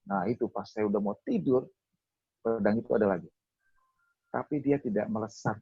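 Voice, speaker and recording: A man's voice: on the low side, moderate pace, slightly rough, dry recording, lo-fi sound. A man telling a personal testimony at a webinar, acting out his own past words as he speaks. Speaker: speaker at a theology school webinar.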